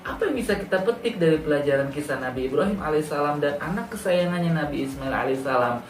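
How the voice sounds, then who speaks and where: A man telling a religious story to children in an expressive way, addressing his young listeners directly with emphatic repetition. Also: on the high side, fast. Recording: roomy echo, distant mic, background music. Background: music.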